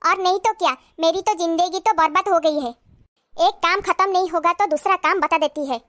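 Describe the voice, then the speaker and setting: A woman's voice: extremely high pitch, normal speed, fairly bright tone. A woman playing a chatty married daughter who is visiting her family home, in a comedy skit. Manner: chatty, coaxing.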